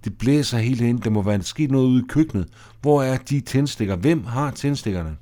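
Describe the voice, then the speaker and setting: A man voicing a brisk, sharp-tongued woman in an audio drama. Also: mid-range voice, lively intonation, close to an everyday voice. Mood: urgent. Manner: brisk, indignant.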